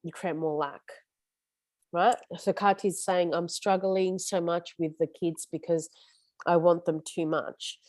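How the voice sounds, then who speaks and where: A woman's voice: on the low side, fairly even intonation, measured pace, darkish tone, dry recording. Woman coaching a support group. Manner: earnest, coaching, stumbles over words. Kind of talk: casual group support session.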